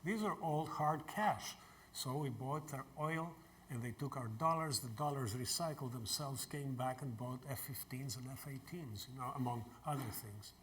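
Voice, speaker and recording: An older man from Greece, giving a university lecture and taking audience questions in a measured way. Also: mid-range voice, a bit bright, a little hiss or hum. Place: lecture hall.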